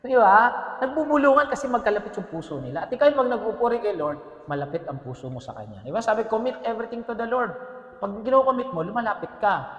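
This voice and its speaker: A male pastor preaching a lively sermon to his congregation. He jokes, mixes in English phrases and keeps asking "Amen?". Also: high-pitched, fast, lo-fi sound. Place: church hall. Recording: echoey church hall with long reverb.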